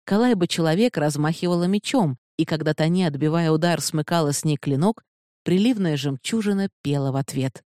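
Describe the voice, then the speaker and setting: Audiobook narrator, measured reading, mid pitch, dry close mic. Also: mellow, no room sound.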